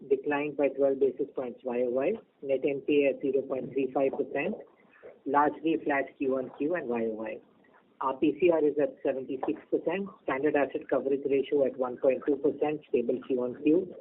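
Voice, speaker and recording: A man, a bank executive reading prepared earnings remarks over a conference call, measured and steady through lists of figures. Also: medium pitch. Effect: conference call over a phone line. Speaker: bank executive presenting results. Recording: tinny phone line with faint noise.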